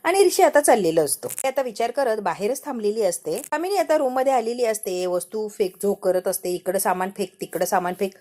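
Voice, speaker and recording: A woman narrating a dramatic recap of a television serial in an expressive, emphatic storytelling manner. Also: mid-range voice, fairly quick, hardly any pauses.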